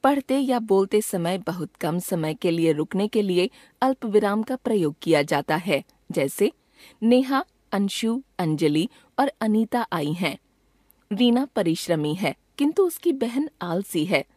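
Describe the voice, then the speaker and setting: Measured woman reading a textbook lesson. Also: mid-range voice, expressive, dark tone, dry recording, clean studio sound. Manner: measured, reads each example sentence slowly. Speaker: grammar teacher. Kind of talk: scripted textbook narration.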